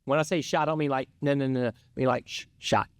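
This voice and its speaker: A middle-aged man co-hosting a podcast, telling a rambling, excitable travel story in casual chat. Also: mid-range voice, very fast, clear, resonant tone, no echo. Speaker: podcast co-host.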